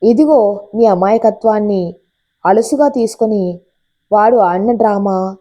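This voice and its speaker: A woman's voice: medium pitch, a little slow, mellow, muffled recording, natural voice. A woman voicing a stern but teasing middle-aged father in a storybook reading. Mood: teasing scolding. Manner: scolding, gruff questions.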